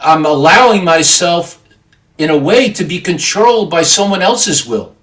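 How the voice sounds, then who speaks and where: A man co-hosting a Torah study discussion, explaining ideas in a measured, teacherly way. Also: a little high, expressive, fairly bright tone. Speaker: podcast co-host.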